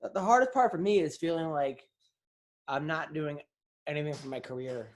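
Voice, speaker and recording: Man, slightly high pitch, rambling, unsure new dad, casual podcast talk. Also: expressive, normal speed. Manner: rambling, unsure new father asking for advice. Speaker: podcast co-host. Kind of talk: casual chat.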